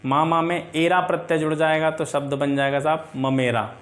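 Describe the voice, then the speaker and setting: A man with a somewhat high voice teaches a grammar lesson for exam preparation. He runs through lists of example words, poses questions and answers them himself, and keeps checking in with a quick "theek hai". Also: flat delivery. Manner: explains by listing examples, often asking and answering his own questions; often adds filler checks like "theek hai".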